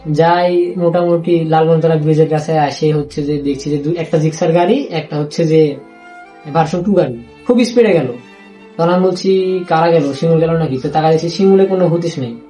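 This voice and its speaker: A young man with a Rajshahi Bengali accent, haltingly recounting a personal story, with many restarts and repeated phrases. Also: a little high, warm tone, soft background music. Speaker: interviewee.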